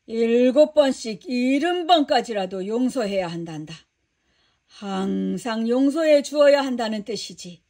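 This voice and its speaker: A woman voicing Jesus as a gentle, patient male teacher who tells a story calmly and kindly to a disciple. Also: fairly high pitch, unhurried.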